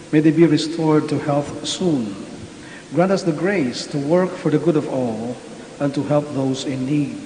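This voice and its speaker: A man, a priest intoning prayers in a measured way at an online Mass, his voice carrying a cathedral echo. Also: fairly high pitch, a little mellow. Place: large church. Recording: echoey hall with faint hiss.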